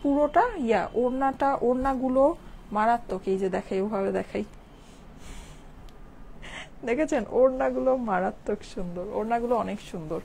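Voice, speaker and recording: A Bangladeshi woman selling clothes on a live stream, chatty and a little hoarse from a cold, checking in with viewers after almost every line. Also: on the high side, moderate pace, pauses often, mellow, a little hiss or hum. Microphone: phone with clip-on mic.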